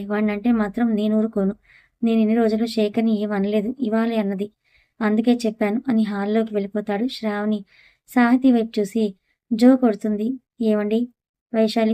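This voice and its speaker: Woman storyteller, audio drama read-through, flat delivery, mellow tone, dry close sound. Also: medium pitch, no room sound. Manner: reads dialogue and narration in one even voice. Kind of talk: audio story narration voicing all characters.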